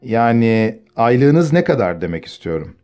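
A man's voice: mid-range voice, big pitch swings, unhurried, a little mellow, soft background music. A man voicing an arrogant, sneering young man in an audiobook, condescending and bossy.

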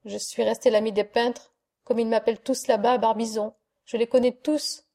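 A woman reading as a bearded, sociable man with a warm voice, friend of painters. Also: fairly high pitch, flat delivery, normal speed, gravelly.

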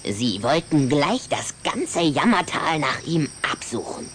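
Radio play role: young vampire boy, haughty and reproachful, very animated, slight noise behind. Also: mid-range voice, slow pace. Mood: explaining, grudging. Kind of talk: German radio play dialogue. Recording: faint background noise.

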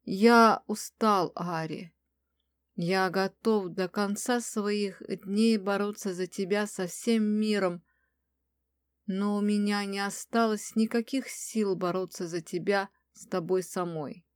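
A woman reading an audiobook voices a weary young male mage who speaks slowly and low in a bitter, exhausted way. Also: fairly even intonation, clear, resonant tone, no room sound, studio quality. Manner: low, slow and resigned.

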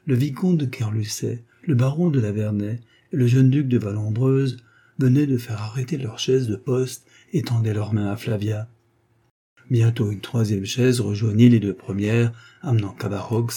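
A man narrating a classic novel aloud in a measured, expressive way. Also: medium pitch, slightly rough. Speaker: audiobook narrator.

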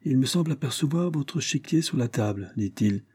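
A man's voice: mid-range voice, lively intonation, normal speed, darkish tone, slightly rough, pitched above the performer's own voice. A man voicing a cool, exacting detective who speaks with cold precision in an audiobook reading.

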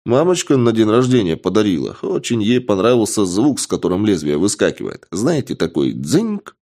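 A man voicing a brazen, excitable young male suspect who talks in a cheeky, mock-earnest way in an audiobook. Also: lowish voice, moderate pace. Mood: innocent. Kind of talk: audiobook character voice.

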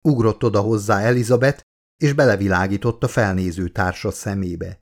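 A man narrating his own book as an audiobook, steady and measured. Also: on the low side.

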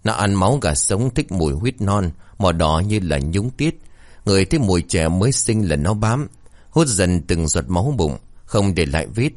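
A man's voice: low voice, big pitch swings, normal speed, darkish tone, dry recording. A male narrator voicing a grave old ritual master who explains omens in an ominous tone.

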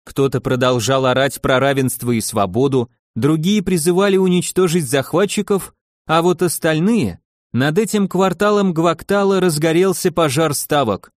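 A man narrating an audiobook with a lively, dramatic storytelling manner. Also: on the high side, moderate pace, no room sound, studio quality. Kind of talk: expressive audiobook reading.

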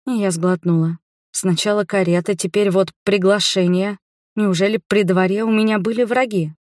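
A woman's voice: medium pitch, fairly even intonation, normal speed, a little mellow, no room sound, studio quality. A woman reading a first-person novel aloud, narrating and voicing the characters in dialogue. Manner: voices several characters in dialogue. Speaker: audiobook narrator.

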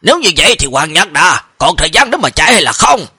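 A man voicing a cold, stern male sect leader who scolds and shouts orders. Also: fairly high pitch, big pitch swings, fast, husky, no echo, studio quality, full character voice. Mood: commanding.

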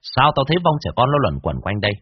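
A man's voice: mid-range voice, sing-song, fast talker, highs cut off, slight background noise, lightly acted. A man voicing a harsh young male exorcist who interrogates and threatens a ghost. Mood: harsh scolding.

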